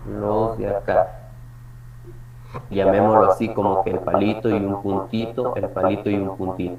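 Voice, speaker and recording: A man teaching a reading workshop lesson on punctuation, explaining step by step and slowing down for examples. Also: fairly low pitch. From Ecuador. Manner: explanatory, slows for examples, frequent restarts. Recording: echoey room, distant mic, dull sound, crowd.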